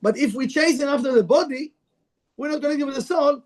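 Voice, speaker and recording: Guy with a pretty high voice giving a casual spiritual talk, broken english, keeps asking the room stuff. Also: brisk. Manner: conversational, broken English, asks the room questions. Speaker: Kabbalah teacher. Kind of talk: informal spiritual lecture to a live group.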